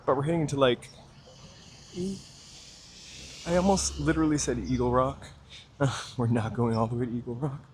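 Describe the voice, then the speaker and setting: On a walking live stream through city streets, a man chats casually with viewers at medium pitch and a normal pace, leaving long pauses as he greets people by name and points out sights. His handheld gimbal camera mic captures a noisy background.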